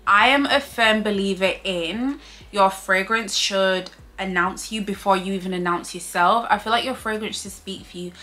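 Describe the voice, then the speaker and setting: Chatting casually to camera from her bedroom, a young beauty vlogger from Leeds, England speaks with a Yorkshire accent. Her mid-range voice is bright and forceful, and she's bubbly, talking with her hands.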